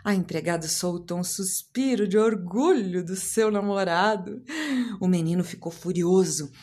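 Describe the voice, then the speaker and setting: A woman reading a rhyming children's story aloud in an expressive, sing-song way. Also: lowish voice, measured pace.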